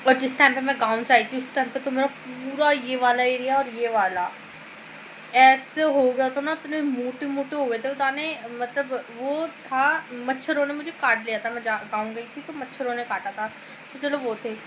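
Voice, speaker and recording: A woman vlogger chatting to her phone camera in a rambling, casual way. She keeps calling her viewers guys and speaks softly because her mouth is sore. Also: high voice, normal speed, slight background noise, poor audio. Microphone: phone camera filming herself.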